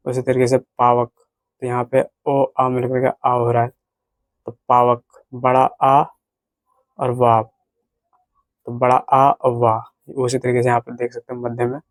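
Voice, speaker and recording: A man gives a grammar lesson, breaking each point down slowly and going back over it again and again. His voice stays level, with little rise or fall. The sound is close and dry. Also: mid-range voice, dry recording. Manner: repetitive, slow step-by-step explaining. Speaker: Hindi grammar teacher. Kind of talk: explanatory lesson at a whiteboard.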